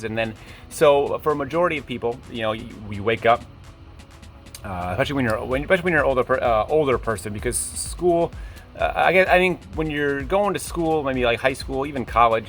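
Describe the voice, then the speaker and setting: A twenty-eight-year-old man, a YouTube creator and host, talks casually on his vlog, rambling, self-deprecating, and drifting into tangents. His voice is mid-range with a fairly bright tone.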